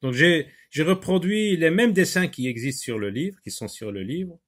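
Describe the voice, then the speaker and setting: A male teacher giving a classroom reading lesson, sounding out syllables slowly and repeating words with emphasis. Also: on the high side, animated, fairly bright tone, breathy edge.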